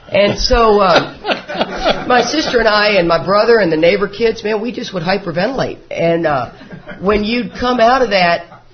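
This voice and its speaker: A man, telling his life story to a recovery group in a folksy, joking way. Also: sits high. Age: 50s. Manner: folksy, joking storyteller who often laughs. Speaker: recovery meeting speaker. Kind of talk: personal recovery talk to a live group. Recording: dull lo-fi meeting recording.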